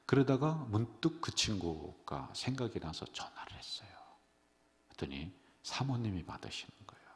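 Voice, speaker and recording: A middle-aged male pastor with a worn, subdued voice, preaching a sermon with emotion and swinging between loud exclamations and hushed whispers. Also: fairly low pitch, lively intonation, normal speed, gravelly. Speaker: senior pastor. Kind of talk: sermon at a midweek prayer service. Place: church sanctuary. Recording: long reverb of a church sanctuary.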